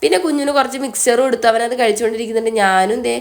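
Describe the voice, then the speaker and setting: A woman's voice: fairly high pitch, racing. A young Malayali woman with a blocked, nasal voice from a cold, chatting through a casual voice-over for her vlog. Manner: chatty, often ends phrases with a soft tag word. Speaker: vlogger.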